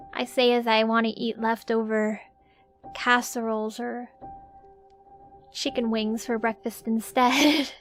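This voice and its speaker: A woman livestreamer chatting casually in a cute anime-streamer manner. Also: fairly high pitch. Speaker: streamer, VTuber host. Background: faint music.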